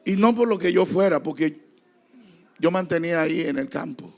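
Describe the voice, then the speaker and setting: A man preaching a dramatic sermon as a pastor, acting out the voices in the story and rising now and then to a shout. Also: a little high, moderate pace. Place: church.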